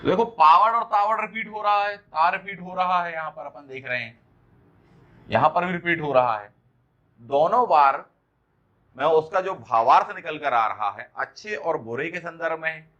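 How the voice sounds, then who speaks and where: A man teaching an exam-prep lecture, explaining step by step, checking understanding with questions and reading example lines slowly. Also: on the high side, sharp tone, highs cut off. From India.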